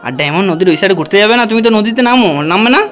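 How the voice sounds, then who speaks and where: A man's voice: high voice, expressive, racing, a bit bright, faint music behind. A man chatting to his viewers in a casual vlog, his voice heavy and stuffy from a cold, coaxing and playful. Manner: coaxing and playful with a child, addresses viewers as friends. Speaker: vlogger.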